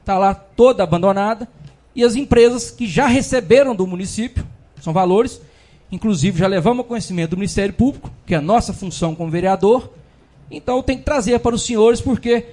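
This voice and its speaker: A man's voice: high-pitched, darkish tone. A man giving an indignant speech as a city councilman in a council chamber, full of repeated fillers.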